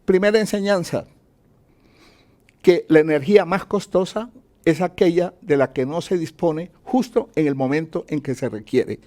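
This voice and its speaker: In an interview, a man from Colombia speaks as an economist, laying out points one by one in a didactic manner and answering his own questions. His fairly high voice has a dark tone, and his pace is moderate.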